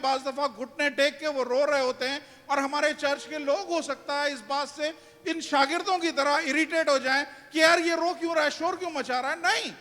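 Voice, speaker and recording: A male pastor preaches to his congregation in a church hall, posing questions to it and driving his points home. His very high voice is fairly bright, and the recording carries church hall reverb with music behind.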